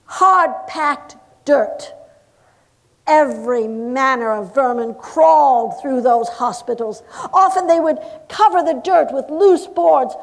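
A high-voiced, earnest 1860s lady, the wife of a governor, played by an actress in a live reenactment, recounts her cause in solemn, impassioned oratory. She speaks slowly and deliberately, stressing each grim detail. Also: full character voice. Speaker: historical reenactor. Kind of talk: first-person historical monologue.

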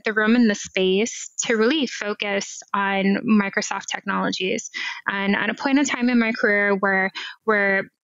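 A middle-aged Hawaiian woman, a cloud AI expert, is a guest on a video-call interview, talking thoughtfully through a headset mic with small restarts. Her voice is medium-pitched, fairly bright and smooth, with no echo. She's in a home room with window blinds, and the call audio is lo-fi and slightly dull.

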